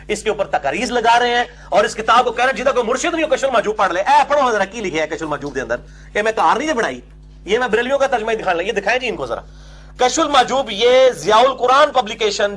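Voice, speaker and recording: A man delivers a religious lecture in a fairly high voice. He argues forcefully and keeps throwing out questions that he answers himself. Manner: emphatic, argumentative, often asks and answers his own questions.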